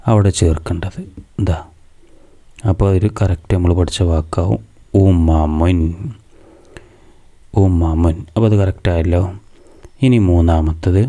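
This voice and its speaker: A man with a Malayali accent gives a patient reading lesson to small children, spelling out each syllable and then blending it into a word. His voice sits low, with a very dark, mellow tone. He keeps asking simple questions and then answers them himself. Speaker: madrasa teacher.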